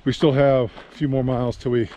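A middle-aged man talking casually while hiking a mountain trail, speaking to a handheld action camera in a relaxed, rambling way with fillers. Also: mid-range voice, fairly quick, dull audio, a little hiss or hum. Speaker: hiking vlogger. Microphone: action camera held at arm's length.

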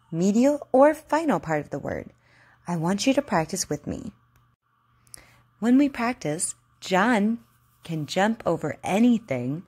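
Encouraging woman teacher with a slightly husky voice. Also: fairly low pitch, mellow. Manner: encouraging, clearly enunciated. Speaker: speech therapist giving articulation practice. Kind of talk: instructional narration and slow read-aloud for practice.

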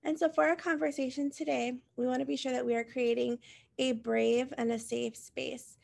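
A woman in her thirties from Puerto Rico, a music teacher presenting an online teacher workshop over a video call in a calm, earnest way. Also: sits high, moderate pace, gravelly. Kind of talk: online professional development presentation.

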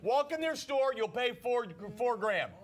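High-voiced man repeating sales pitches. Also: lively intonation. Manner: fast, repetitive, urging viewers to yell sold. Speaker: shopping show host.

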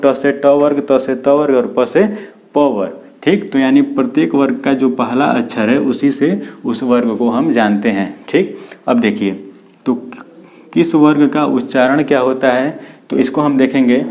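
A man's voice: mid-range voice, darkish tone. A man teaching a video lesson. He asks questions and answers them himself, and sounds out letters one at a time. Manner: repeats questions and answers them himself, often says "दोस्तों". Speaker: Hindi grammar teacher. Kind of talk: classroom-style video lesson.

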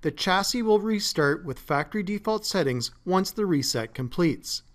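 A man narrating a scripted step-by-step tech tutorial as a support engineer, in a steady, methodical way. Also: high voice, normal speed. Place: voice-over, not recorded in the pictured place.

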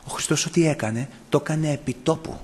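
A man pastor delivering an impassioned sermon, swinging between loud declarations and hushed confession. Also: a little high, slight background noise.

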